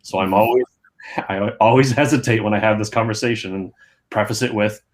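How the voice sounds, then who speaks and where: A man speaks as a guest in a casual panel discussion over a video call. His voice sits fairly low, and he talks earnestly, with a self-aware edge. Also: steady tone, a little fast, rough recording.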